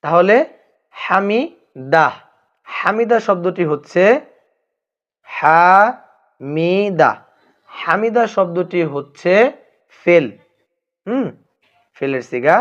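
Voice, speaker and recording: Slow high-voiced man teaching pronunciation. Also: highs cut off. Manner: deliberate, repeats phrases, addresses "honored friends". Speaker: religious teacher. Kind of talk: slow religious lesson on pronunciation.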